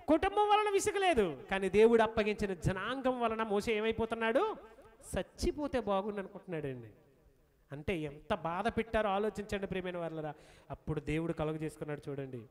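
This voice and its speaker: Male pastor, very high voice, animated sermon delivery with acted-out pleas. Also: fairly quick. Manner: animated, acts out pleading quotes. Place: church.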